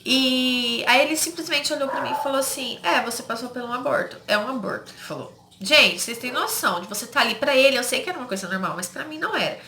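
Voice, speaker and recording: Bright-voiced Brazilian woman telling a story. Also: high-pitched, lively intonation, quick pace. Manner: emotional, addresses viewers as "gente", quotes others. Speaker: vlogger. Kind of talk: personal story told to viewers. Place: home. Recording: echoey home room with faint noise.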